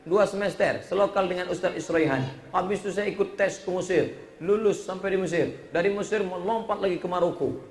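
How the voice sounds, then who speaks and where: A middle-aged man, preaching a humorous sermon with lively storytelling and jokes. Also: high voice, a little fast. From Riau, Indonesia. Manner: joking, lively storytelling with acted-out quotes. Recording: echoey room.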